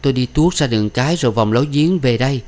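A man's voice: fast, a little mellow, natural voice. A man putting on a frightened young village woman. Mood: anxious. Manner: pleading, tearful, higher voice.

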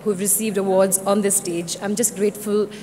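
A woman giving a halting award acceptance speech on a big stage, her voice quivering. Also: medium pitch, level tone, mellow. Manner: halting, with pauses and fillers. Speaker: award winner. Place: large awards hall stage. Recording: long hall reverb, faint noise.

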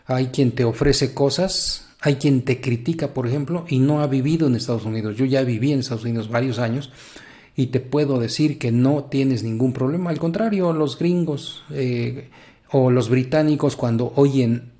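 A man's voice: mid-range voice, moderate pace, mellow. Mexican male teacher, casual video lesson, encouraging and talkative, filler-heavy. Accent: Mexican Spanish. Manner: chatty, encouraging, rambling with many fillers. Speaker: English teacher.

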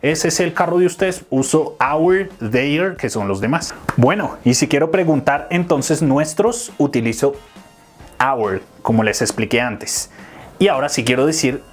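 A man, explaining an English lesson and slowing down to pronounce the English examples. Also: a little high, faint music behind. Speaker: English teacher.

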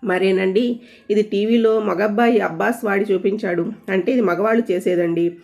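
A woman's voice: mid-range voice, fairly even intonation, moderate pace, creaky, a little mellow, close to an everyday voice. A woman voicing an innocent-seeming young bride who is coy and sly, speaking with sweet feigned innocence. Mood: pleading. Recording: dull lo-fi audio.

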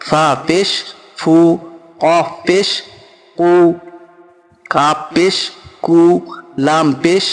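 A man's voice: a little high, long reverb tail. A man teaching Quran reading, patiently spelling out each letter and syllable aloud. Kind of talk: slow spelling-out lesson.

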